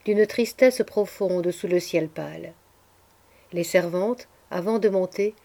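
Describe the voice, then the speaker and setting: With music playing faintly behind her, a woman at a medium pitch reads a literary work as an audiobook. Her delivery is steady and expressive, suited to storytelling.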